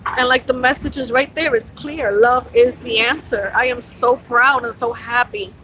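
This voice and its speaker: A woman's voice: on the high side, steady tone, normal speed, sharp tone, a little hiss or hum, low-quality recording. A woman vlogging outdoors on a city street, speaking earnestly and pleading, repeating herself for emphasis. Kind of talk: on-location vlog address.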